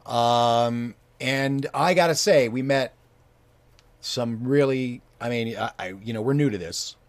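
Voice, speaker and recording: A man co-hosting a casual chat show, talking haltingly with many fillers and restarts. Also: medium pitch, no echo. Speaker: co-host.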